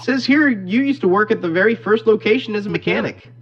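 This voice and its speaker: A man with a high, brisk, fairly bright voice plays the phone guide in a fan horror game, an awkward, chatty company caller briefing a night guard. His friendly, awkward phone-message monologue rambles hesitantly and is full of ums, heard through muffled lo-fi phone audio.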